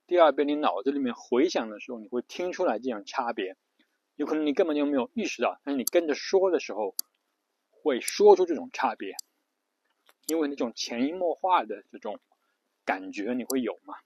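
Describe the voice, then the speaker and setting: A man with a fairly high but darkish, breathy voice teaches English pronunciation casually, repeating himself, spelling letters aloud, and using plenty of fillers and restarts. The audio is dull with no room sound.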